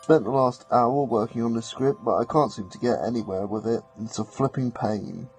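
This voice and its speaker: A man's voice: medium pitch, moderate pace, darkish tone, a little hiss or hum, low-quality recording. A young adult man, a student vlogger, talking casually to camera in a dry, self-deprecating way with bits of slang. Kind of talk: casual vlog talk to camera.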